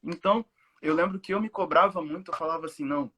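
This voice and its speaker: Young man, Rio de Janeiro accent, actor guest, forceful bright tone, slightly high voice, animated storyteller. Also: fast, slightly rough. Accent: Rio de Janeiro Portuguese. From Brazil, São Gonçalo. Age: young adult. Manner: vivid storyteller acting out quoted dialogue. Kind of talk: casual interview storytelling.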